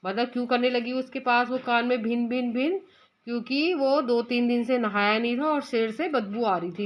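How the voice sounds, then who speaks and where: Woman teacher explaining a story lesson. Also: a little high. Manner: asks the children questions and explains words. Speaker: school teacher.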